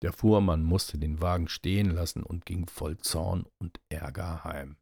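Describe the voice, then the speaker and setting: A man reading a fairy tale aloud in a steady storytelling manner. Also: low-pitched, measured pace, vocal fry, slightly rough, no echo, clean studio sound. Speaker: narrator.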